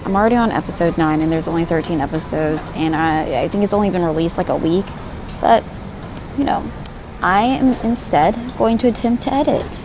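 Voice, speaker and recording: A young adult woman vlogs casually to camera in a slightly low voice heavy with vocal fry, rambling informally and often teasing herself. The handheld recording carries noticeable background ambience.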